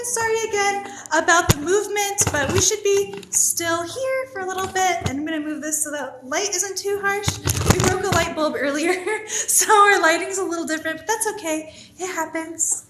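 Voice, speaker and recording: A woman pole dance teacher chatting casually on a live stream, reading comments in a high, upbeat put-on voice. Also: fairly bright tone, slight background noise. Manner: high put-on upbeat voice kept deliberately positive. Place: indoor pole dance studio. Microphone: phone camera. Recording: echoey room.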